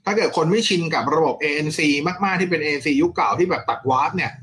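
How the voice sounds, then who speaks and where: A man co-hosting a casual tech question show, explaining gadgets in detail with a relaxed manner. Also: quick pace, slight background noise. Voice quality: mid-to-high voice.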